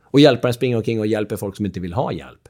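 A man, a father, explaining relationship roles in an animated chat, acting out quotes and laughing often. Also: on the low side. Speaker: speaker on the drama triangle, a father.

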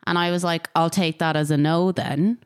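Irish woman co-host, young, smooth tone, chatty storyteller. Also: fairly low pitch, fairly even intonation, moderate pace. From Ireland. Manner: chatty storytelling with many fillers. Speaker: podcast co-host. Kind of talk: casual chat.

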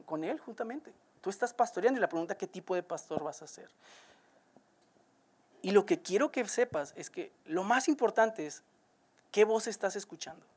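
A woman preaching a sermon, speaking earnestly and directly to listeners and repeating words as she builds each point. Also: mid-range voice.

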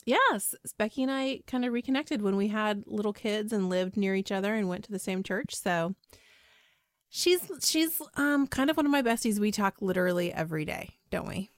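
A woman's voice: mid-range voice, moderate pace, dry recording, clean studio sound. Chatty woman podcast host. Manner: chatty, laughing, lively emphasis. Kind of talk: casual podcast chat.

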